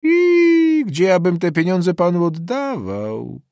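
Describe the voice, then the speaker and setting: Gruff old peasant carter, sceptical and slow, a male narrator putting him on, dry close sound. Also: on the low side, very animated, no echo, exaggerated voice.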